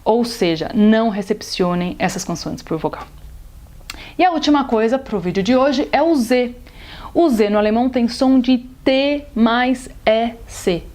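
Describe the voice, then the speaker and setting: A woman's voice: a little high, measured pace, darkish tone. Woman teaching pronunciation. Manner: explains patiently, demonstrating sounds with exaggerated examples. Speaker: German teacher. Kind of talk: video lesson on pronunciation.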